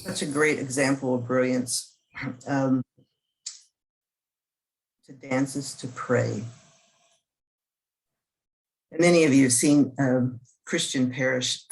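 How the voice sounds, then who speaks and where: Gravelly man hedging on a video call. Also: mid-range voice, low-quality recording. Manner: hesitant, many fillers. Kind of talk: casual call moderation.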